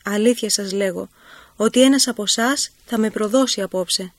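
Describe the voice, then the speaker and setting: A woman reading the words of Christ as a gentle, grave man, in slow, solemn, measured speech. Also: medium pitch, dry recording, close to an everyday voice.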